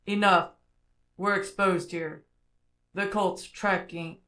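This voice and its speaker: This looping vocal sample shows off pitch and cyborg-like robotic effects on an actor's terse warnings as a grim, urgent fugitive character. His delivery is slow with fairly even intonation, pushed and bright, and without echo.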